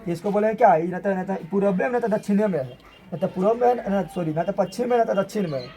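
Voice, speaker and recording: A male teacher, giving an animated classroom lecture and firing repeated questions at his students. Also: high-pitched, quick pace. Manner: animated, repetitive questioning, colloquial Hindi with regional forms. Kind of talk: classroom lecture with call-and-response.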